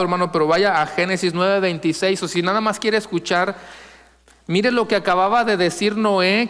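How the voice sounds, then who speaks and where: Male pastor, high clear voice, reverberant sanctuary, question-and-answer preaching. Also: fairly bright tone. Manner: asks the congregation questions and answers them; slow, emphatic reading of scripture. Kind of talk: sermon.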